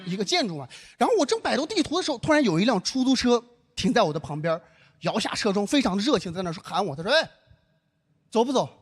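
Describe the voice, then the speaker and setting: Speaking quickly in a high voice with a breathy edge, this young northern Chinese man tells a story in his stand-up routine. He acts out each line of dialogue with lively, animated energy.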